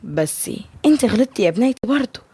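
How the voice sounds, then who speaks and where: A woman with an Egyptian Arabic accent voicing a kind older father-in-law who coaxes gently. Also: fairly high pitch, very animated, fast talker, husky, no room sound, exaggerated voice. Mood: fatherly.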